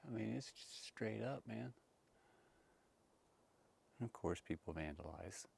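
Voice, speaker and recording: A man's voice: fairly low pitch, animated, measured pace, vocal fry, a little mellow, husky. A man chatting casually while filming his hike outdoors in a desert canyon on a handheld camera, a bit winded from climbing. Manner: chatty, wandering, folksy. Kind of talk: casual vlog narration.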